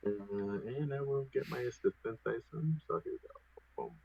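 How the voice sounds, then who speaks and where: A man's voice: medium pitch, sing-song, moderate pace, vocal fry, a little mellow, breathy edge, faint music behind. A man playing a tabletop game, speaking hesitantly and trailing off, with many fillers. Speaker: player. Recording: dry, dull lo-fi mic.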